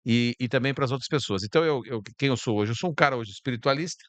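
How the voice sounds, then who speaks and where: A man from Brazil speaks as a podcast guest in a calm, reflective way. He repeats words as he searches for the next thought. His voice sits at an ordinary pitch and sounds close and dry. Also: fast talker, dry recording. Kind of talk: casual chat. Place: stage of a bar.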